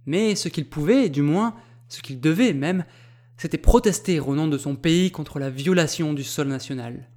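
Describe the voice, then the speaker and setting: Audiobook narrator, man, measured, slightly high voice. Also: darkish tone. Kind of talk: scripted narration.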